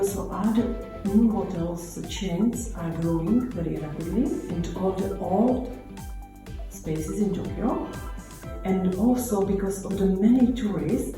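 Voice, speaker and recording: A woman giving her opinion in halting second-language English, often rephrasing as she goes. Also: lowish voice. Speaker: interviewee. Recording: strongly echoey with music behind.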